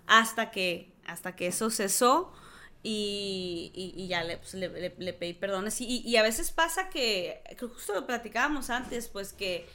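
A young Mexican woman co-hosting a podcast, telling lively anecdotes in casual chat. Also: medium pitch, measured pace. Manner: animated storyteller, acts out voices in anecdotes. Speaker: podcast co-host.

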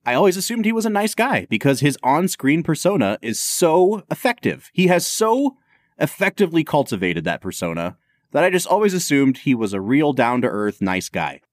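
Man, podcast co-host, opinionated, lively pitch, dry close sound. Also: moderate pace, no echo. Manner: animated, opinionated, laughs often. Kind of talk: casual chat about film.

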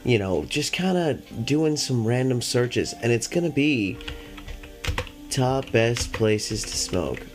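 Here the same kind of high, swearing stoner podcaster talks on his own over background music, loose and rambling with plenty of slang. He's animated but takes things slowly.

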